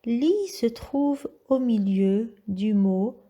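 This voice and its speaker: A woman teaching a reading lesson to young children, drilling syllables slowly and carefully. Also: a little high, lively intonation, mellow, lo-fi sound.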